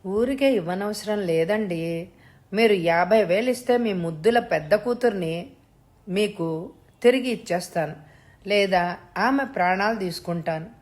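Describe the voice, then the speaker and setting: A woman's voice: mid-range voice, normal speed, pauses often, a little mellow, natural voice. A woman voicing a menacing male kidnapper who makes threats over the phone with cold, mocking politeness.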